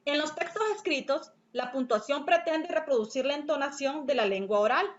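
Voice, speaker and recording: A woman teacher reading a language lesson aloud in a steady, explanatory way. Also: high voice, moderate pace, highs cut off.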